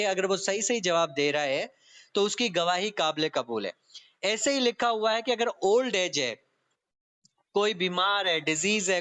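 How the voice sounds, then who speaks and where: A man with a high-pitched, pushed and bright voice runs an online exam-prep law lecture in a meeting class. He explains didactically, one step at a time, reads out clauses and uses English terms along the way.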